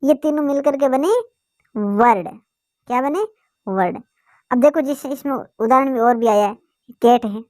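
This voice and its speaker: A woman's voice: fairly high pitch, dry recording, studio quality. A woman teaching a basic English lesson, asking questions and answering them herself. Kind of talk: classroom lesson explanation.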